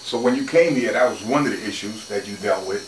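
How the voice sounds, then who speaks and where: A man's voice: lowish voice, brisk, echoey room, distant mic, noisy background. A man hosting a radio interview, prompting his guest in a friendly way with frequent fillers. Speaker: radio host. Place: radio studio.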